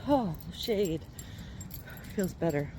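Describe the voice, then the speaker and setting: A woman's voice: on the low side, animated, extremely slow, dark tone. Hiccuping woman vlogging on a walk. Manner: chatty, rambling, talking to viewers. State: hiccuping repeatedly. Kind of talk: casual walking vlog. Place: outdoors walking along streets. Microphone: handheld phone while walking. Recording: outdoor phone recording with street noise.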